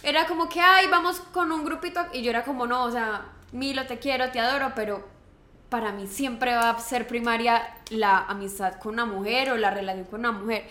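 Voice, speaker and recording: A woman's voice: a little high, brisk, sharp tone, echoey room. A young woman with a Colombian accent, telling a story in casual chat as a podcast co-host, acting out quotes with animation.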